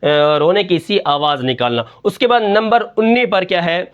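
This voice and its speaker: A man teaching Quran recitation rules. He asks his students questions and answers them himself, dropping low on each answer. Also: clean tone, muffled recording. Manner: breaks into slow, drawn-out Quran recitation to demonstrate. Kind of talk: tajweed lesson in Urdu.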